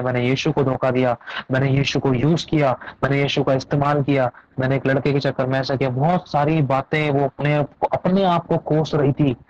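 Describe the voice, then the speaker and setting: A man's voice: mid-range voice, darkish tone, no room sound. Male pastor, emphatic, repetitive sermon storytelling, in a dry, dull recording.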